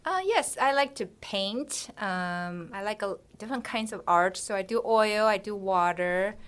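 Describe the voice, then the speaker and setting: A woman originally from Taiwan, a doctor and podcast guest, answering casual questions in a relaxed, modest way, often trailing off softly. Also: mid-range voice, a little slow, clean tone. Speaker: physician guest. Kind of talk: casual interview chat.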